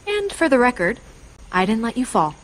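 A woman's voice: on the high side, big pitch swings, moderate pace. An actress playing a wry, brave young woman in a video game, casual and teasing. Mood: wry, relieved.

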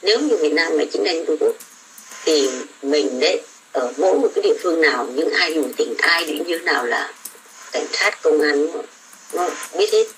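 A woman's voice: low voice, animated, normal speed, poor audio. Woman, older, scolding casual rant, coarse words, faint background noise. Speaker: domestic worker abroad.

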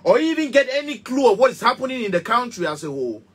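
A man in his thirties, a musician speaking Cameroonian Pidgin-accented English, fires off a heated rant straight to camera in a small studio. He talks fast in a very high, somewhat bright voice with a breathy edge and big swings in pitch, repeating points emphatically and gesturing.

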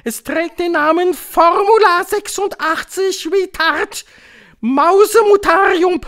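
A man voicing a cruel old female witch queen, shrill and commanding, gloating in clipped declarations for an audiobook. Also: slow pace, sharp tone, full character voice. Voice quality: shrill, thundering. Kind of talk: audiobook reading.

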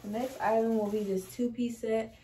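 In her small bedroom, a sassy, slang-heavy young woman chats through a clothing try-on haul for her fashion vlog. Her voice is a little high and mellow, steady in tone, at a normal speed. It's a rough recording from a camera across the room, with a little hiss or hum.

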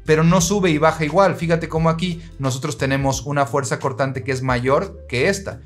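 A man teaching engineering, explaining diagrams in a patient, steady way and speaking straight to the listener. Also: on the high side, moderate pace, soft background music.

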